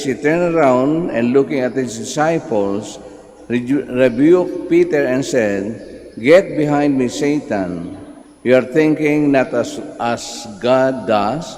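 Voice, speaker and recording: A male priest reading the Gospel at Mass in a slow, measured way, heard with a cathedral echo in a large church. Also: mid-range voice, darkish tone. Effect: cathedral echo, long church reverb. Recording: long church reverb with faint ambient noise.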